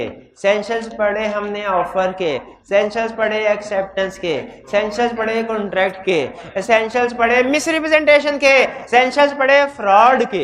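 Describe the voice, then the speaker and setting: A man teaching law in a hybrid classroom. He has a sore throat, speaks loudly into a microphone, and keeps putting questions to his students. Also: sits high. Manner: quizzes students with repeated questions. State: throat trouble, talking loudly. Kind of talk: classroom lecture.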